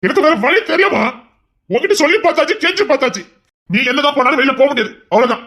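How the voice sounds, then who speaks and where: In an audio romance drama, a man plays a possessive, lovesick young husband whose insistent, commanding speech turns low and tender. He talks at a quick pace with a slightly rough voice.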